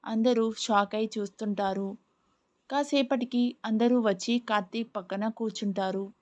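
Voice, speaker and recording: A woman narrating a serialized love story in a steady storytelling manner. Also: fairly high pitch, normal speed. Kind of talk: audiobook narration. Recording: muffled lo-fi recording.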